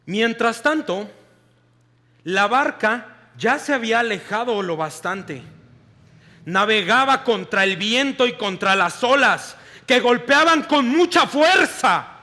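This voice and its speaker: A male pastor giving a sermon in a church hall, reading scripture in a slow, deliberate way. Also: very high voice, expressive, pushed and bright. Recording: long reverb of a large hall.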